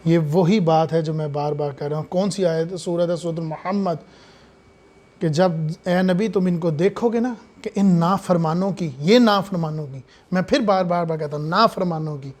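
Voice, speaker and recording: The speaker is a man preaching, who veers from quiet side comments to loud, heartfelt declarations with plenty of rhetorical questions. He has a high-pitched voice.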